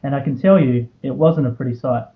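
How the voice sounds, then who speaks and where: A man's voice: mid-range voice, brisk, phone-quality sound. A man in his twenties with an Australian accent delivers a prepared, earnest motivational speech, telling a personal story and posing rhetorical questions. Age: 20s. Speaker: student award recipient giving a speech. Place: live speech to an audience.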